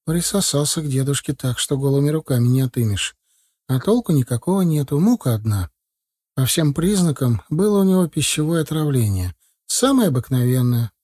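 A brisk, stern woman medic, firm and businesslike, with her voice raised a little above plain talk. The tone is husky and dry, read by a male narrator. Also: on the high side, animated, mellow, no echo, voice pushed up.

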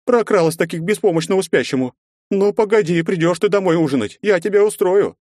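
A man voicing a flustered village mother who scolds loudly and exasperatedly. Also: high-pitched, very animated, fast talker, no echo, studio quality, pitched above the performer's own voice. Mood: indignant scolding.

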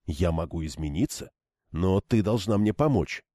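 A man's voice: low voice, expressive, normal speed, dark tone, no room sound, studio quality. Man playing a stubborn young swordsman. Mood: insistent. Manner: earnest, pressing.

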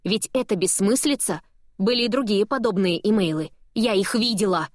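A woman's voice: mid-range voice, moderate pace, no echo, studio quality, close to an everyday voice. A woman reading an audiobook, voicing a desperate middle-aged female colleague who pleads in agitation. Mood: pleading. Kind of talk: audiobook character voice.

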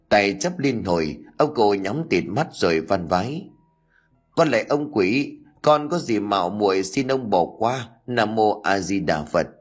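A man narrating a scripted ghost story in a steady storytelling manner. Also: fairly low pitch, slightly rough.

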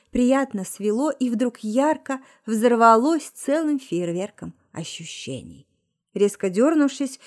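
A woman narrating a romance novel as an audiobook, in an intimate, expressive reading. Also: mid-range voice. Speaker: audiobook reader.

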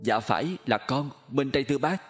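A man's voice: medium pitch, expressive, brisk, faint music behind, close to an everyday voice. A man voicing a polite young man who stammers in shock, in a storybook reading. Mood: shaken.

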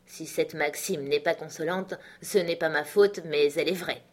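A woman's voice: deep voice, fairly even intonation, normal speed. A woman voicing a boisterous middle-aged country doctor in an audiobook, brash and exclaiming. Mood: jovial. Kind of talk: audiobook character voice.

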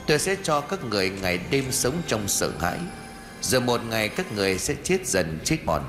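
A man voicing a vengeful female ghost who speaks in a low, hushed, threatening way for a horror audiobook, with faint music behind. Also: big pitch swings, fairly quick. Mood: menacing.

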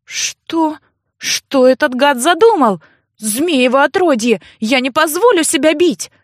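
A fiery young noblewoman who answers back in a high, shrill, indignant voice, played by a woman reading an audiobook. The sound is close and dry. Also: animated, a little slow, no echo. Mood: furious defiant. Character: fiery young noblewoman, defiant and hot-tempered. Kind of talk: audiobook character voice.

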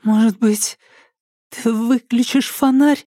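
A frightened young woman held captive, performed by a male narrator, pleads in a high, trembling, almost childlike voice. Her words come out hurried and timid. The read is dry and close. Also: mellow, dry recording. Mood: frightened pleading.

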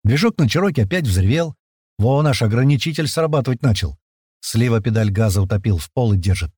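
A man narrates a first-person audiobook in a casual, colloquial manner. His pitch is animated and swings widely, while the recording is dry and close with no room sound. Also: a little fast, breathy edge, no room sound. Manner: lively, colloquial storytelling.

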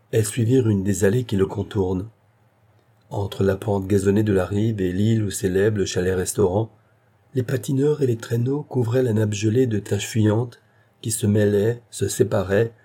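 A man narrating a classic French novella in a measured literary reading. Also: on the low side, mellow, breathy edge.

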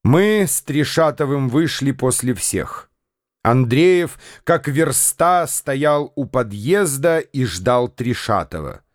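A man narrating a classic novel as a radio play, measured and dramatic. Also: medium pitch, expressive, no echo, clean studio sound.

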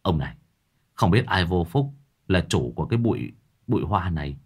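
A man's voice: low voice, very animated, brisk, breathy edge, pitched below the performer's own voice, exaggerated voice. Man doing a mumbling, awed soldier. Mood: awed mutter. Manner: mumbling, hesitant. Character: awed, stammering male soldier.

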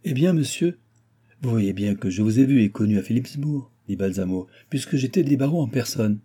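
A man reading the part of a mysterious, calm stranger who speaks gravely and without embarrassment. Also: medium pitch, a little fast. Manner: grave, unruffled.

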